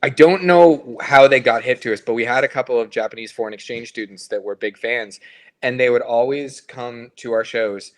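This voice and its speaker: A man's voice: mid-range voice, normal speed. Rambling man talking about his band. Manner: rambling, hedging, full of fillers and restarts. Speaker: band member. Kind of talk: casual podcast chat.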